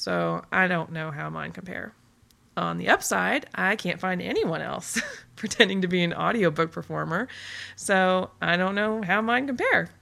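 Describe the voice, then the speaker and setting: A woman performs her blog post aloud with mock melodrama and plenty of self-mocking sarcasm. Her voice carries a gravelly fry at the bottom. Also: fairly low pitch, fairly bright tone. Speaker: blogger reading her own post. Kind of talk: dramatic audio-blog reading.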